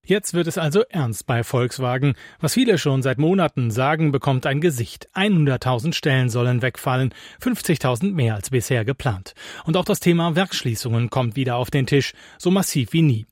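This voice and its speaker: A man's voice: mid-range voice, lively intonation, normal speed, dry recording. Male correspondent, dry close sound, scripted report. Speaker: news correspondent.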